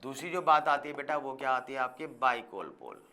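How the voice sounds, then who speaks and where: A man with a lively, brisk, pushed and bright mid-range voice teaches biology in the classroom. He addresses students as "beta", keeps making sure they follow, and slips English science terms into his explanations.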